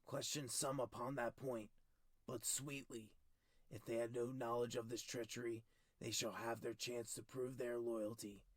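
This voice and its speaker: A man's voice: medium pitch, level tone, unhurried, dry recording, close to an everyday voice. A man doing a stern cold king. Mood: commanding. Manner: clipped, commanding, raised and forceful. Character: stern, cold middle-aged male king.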